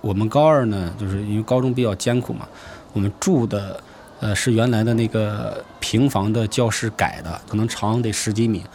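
A man tells a story from his own life, speaking in a fairly low voice. He talks in an unhurried, conversational way and often restarts his sentences mid-thought. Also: steady tone, darkish tone, a little hiss or hum. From rural Hebei, China. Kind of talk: first-person storytelling.

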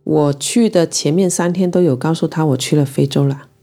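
Low, mellow woman from Guangzhou; reflective first-person storyteller. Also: faint music behind. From Guangzhou, China. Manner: reflective, unhurried and emotional in recounting. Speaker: interviewee telling her own story.

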